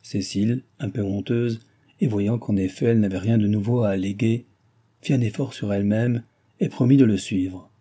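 A man reading a classic novel aloud in a steady, measured narration. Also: on the low side. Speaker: audiobook reader.

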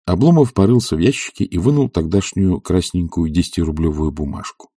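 A man narrating a classic novel calmly, in a dry, close recording. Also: low voice, a little fast, breathy edge, no room sound. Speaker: audiobook narrator. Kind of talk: scripted narration.

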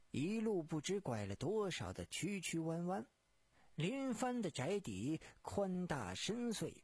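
A man tells a serialized detective story for radio, stretching his phrases and sighing along the way. His voice is somewhat high and swings widely in pitch, with a husky grain. The recording is close and dry. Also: no echo. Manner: expressive, drawn-out storyteller phrasing with sighs.

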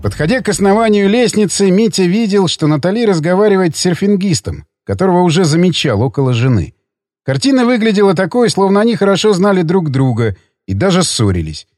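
A man narrating an audiobook thriller in a dramatic, expressive storytelling manner. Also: high voice, a little fast, dry recording, clean studio sound, soft background music. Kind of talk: scripted narration.

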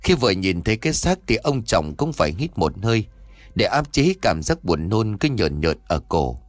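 A man's voice: fairly low pitch, moderate pace, no echo. A man narrating a scripted horror story and voicing its characters himself. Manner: lively, voices the characters' dialogue himself.

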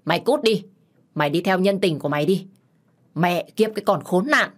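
A woman voicing a drunken, abusive middle-aged father who shouts and curses with contempt. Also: fairly low pitch, animated, normal speed. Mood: furious contempt.

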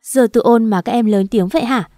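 A woman's voice: fairly high pitch, brisk, warm tone, no echo, clean studio sound, natural voice. A woman voicing a vain, stern middle-aged male teacher who scolds in an audiobook story.

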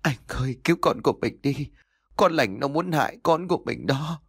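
A man voicing a young pregnant wife who is fierce and terrified, with a shrill, pleading manner. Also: lively intonation, moderate pace, no room sound, studio quality.

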